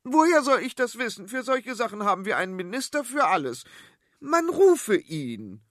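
A man voicing a shrill, imperious, self-righteous queen in a children's radio story. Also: very animated, normal speed, a bit bright, dry recording, clean studio sound. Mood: indignant. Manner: shrieking, indignant.

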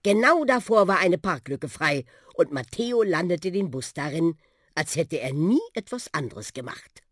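A narrator reading a children's audiobook with expressive, lively storytelling. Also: medium pitch, a little slow, no echo, clean studio sound.

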